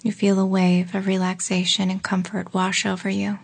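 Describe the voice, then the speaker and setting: A woman leading a guided relaxation exercise in a slow, soft voice that often drops into a whisper. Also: medium pitch, monotone, gravelly. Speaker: meditation guide.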